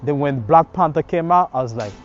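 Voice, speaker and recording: A man's voice: fairly high pitch, expressive, brisk. Guy in his 20s from congo, chatty and upbeat, says you know a lot, faint music under it. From Democratic Republic of Congo. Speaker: filmmaker and DJ. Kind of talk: documentary interview. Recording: slightly muffled, with faint music behind.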